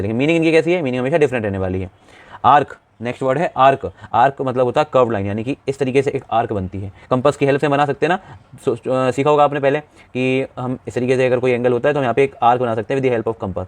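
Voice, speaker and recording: A man's voice: mid-range voice, a little mellow, no echo. A young man teaching English vocabulary as a lesson. He asks his viewers questions and answers them himself, and keeps checking in with "theek hai". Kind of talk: classroom lesson explaining vocabulary.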